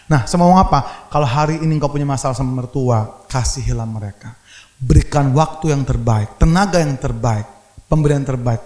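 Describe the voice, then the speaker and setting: A man's voice: mid-range voice, a little mellow, echoey room. A male evangelist preaching a sermon, telling humorous family stories and often addressing the congregation directly.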